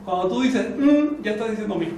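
A man's voice: high-pitched, expressive, a little fast, warm tone, a little hiss or hum. A man teaching a language class, quizzing his students and prompting them to think. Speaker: Nahuatl teacher. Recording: echoey room from far off.

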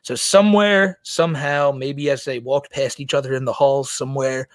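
A man's voice: mid-range voice, steady tone, moderate pace, dry recording. A man hosting a casual commentary podcast, crude and mocking, talking to his chat. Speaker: podcast host.

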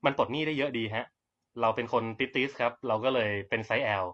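A young man giving a blunt, brash network-marketing pitch on a livestream, swearing casually as he talks. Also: quick pace, a bit bright. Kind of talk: live-streamed sales pitch. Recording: dull lo-fi livestream audio.

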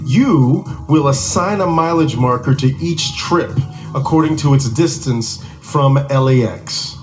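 A man with a medium-pitched voice, speaking a little slowly, hosts a game show in a large TV studio and talks a contestant through the game. Music and a studio audience can be heard behind him.

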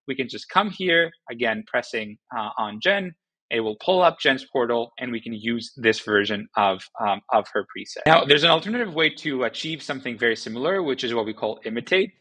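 A man casually explaining software features in a tutorial, relaxed, with frequent fillers and restarts. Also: mid-range voice, a little fast, rough recording. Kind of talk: casual screen-recording walkthrough.

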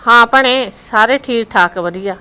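An older woman as a bright, nagging Punjabi mother. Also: fairly high pitch, measured pace, smooth, poor audio. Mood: chatty. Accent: Indian Punjabi. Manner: chatty, teasing, scolding. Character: chatty, nagging mother of a married son. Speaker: mother in a family drama. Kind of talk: village web drama acting.

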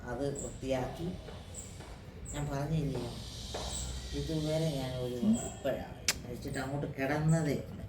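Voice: medium pitch, fairly even intonation, measured pace, pauses often, recorded from a distance. A family member at home recounting and complaining about the household chores they have done, in casual chat. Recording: echoey room, off-mic, noisy.

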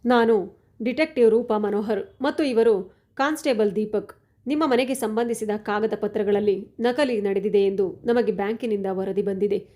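A calm, dutiful woman detective in a spoken story, read by a woman narrator. She speaks politely and formally, in a middle-pitched voice. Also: normal speed, lightly acted.

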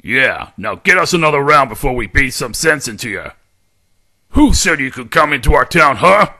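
A man voicing a belligerent, hot-tempered skunk brawler in a cartoon character demo, with a rough, gravelly voice and taunting, street-tough delivery. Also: mid-range voice, very animated, normal speed, pushed and bright, exaggerated voice. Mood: menacing taunting. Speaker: amateur voice actor.

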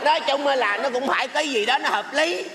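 Brief: man as a protective bride's father, high and bright, echoing in a big hall. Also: brisk, crowd noise, noisy background. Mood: indignant. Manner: indignant, protective. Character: proud, stubborn father of the bride. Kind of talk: stage comedy sketch. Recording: stage with long reverb.

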